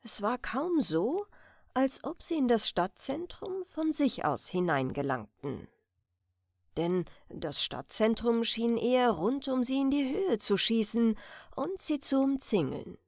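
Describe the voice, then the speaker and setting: A woman reads a classic tale aloud as a bedtime audiobook, calm and measured. Her pace is slow and her melody rises and falls freely over a faintly gravelly texture. The sound is dry and close to the mic. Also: a little high, dry recording. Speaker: audiobook reader. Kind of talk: scripted narration of a bedtime audiobook.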